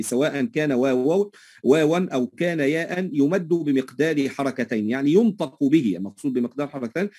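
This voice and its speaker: A man's voice: fairly high pitch, darkish tone, husky. A man with an Egyptian Arabic accent teaching a tajweed lesson. He prompts listeners with questions, answers them himself, and keeps checking that they follow. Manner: checks understanding often with short tag questions.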